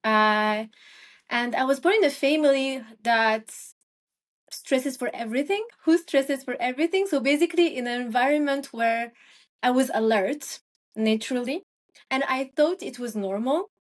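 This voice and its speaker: A woman's voice: sits high, moderate pace. A young woman from Morocco, a guest in a casual interview, talking with many fillers and restarts. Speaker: guest, Ayurvedic practitioner.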